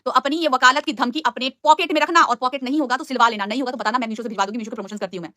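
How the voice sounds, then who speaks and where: A young woman pours out a heated live-stream rant at a breakneck pace. Her voice sits high and sounds sharp and bright. The sound is dry and close, with no room around it. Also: no echo. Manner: fast, angry and scolding, with much mocking.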